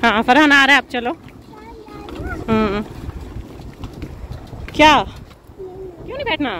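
A woman, a mother and family vlogger, chatting casually to camera and talking firmly but gently to her kids. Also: sits high, big pitch swings, slow pace. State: tired from walking. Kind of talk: casual vlog chat. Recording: noisy background.

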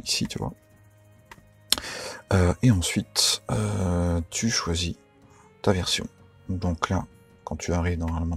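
A man's voice: sits low, creaky, slightly rough. A man giving a casual, informal how-to tutorial, chatty and full of fillers and self-corrections. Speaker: radio tutorial maker.

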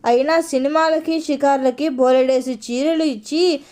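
A woman voicing a naive, timid young woman who pleads slowly and meekly. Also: high voice, fairly even intonation, a little mellow. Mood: tearful.

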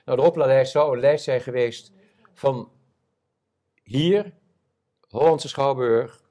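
A man in his seventies, an eyewitness telling his war memories in an interview before an audience, animated and acting out the voices of others. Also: medium pitch, slow pace. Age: 70s. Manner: animated storyteller, acts out quoted voices. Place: stage before a live audience.

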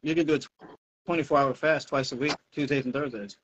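Brisk and fairly bright, a middle-aged American fitness coach's mid-range voice keeps an even intonation as he chats informally in a home video-call Q&A. Wired earphones leave the audio dull and muffled, with slight background noise.

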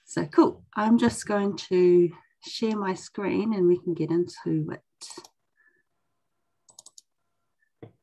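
A woman's voice: lowish voice, drawn-out words, gravelly, long pauses, warm tone. A young woman casually presenting as host of an online session. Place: indoors on a video call.

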